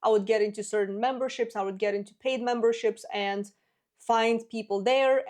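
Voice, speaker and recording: A woman in her twenties whose first language is Russian hosts a solo business advice podcast, speaking in a direct, practical way. Her voice is medium in pitch and a little mellow.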